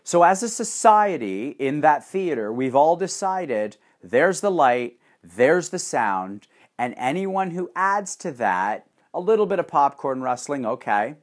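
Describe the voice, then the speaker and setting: A man delivering a profane, sarcastic ranting monologue with animated swings in energy. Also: a little high, measured pace.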